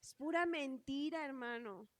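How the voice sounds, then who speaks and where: A woman's voice: sits high, unhurried, no room sound. A woman preaching a sermon in an earnest way, often calling out to her congregation as brothers.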